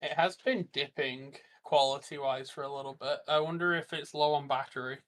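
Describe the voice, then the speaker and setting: A man's voice: on the high side, fairly even intonation, moderate pace, fairly bright tone, a little hiss or hum. A man on a call with a streamer, teasing him and cheering him on in casual chat. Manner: teasing, encouraging. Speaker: friend on a call.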